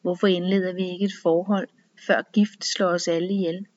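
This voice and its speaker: A woman's voice: fairly low pitch, flat delivery, darkish tone, muffled recording, close to an everyday voice. A woman reading the lines of a flirtatious woman dressed as a bumblebee, forward and teasing. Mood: flirty.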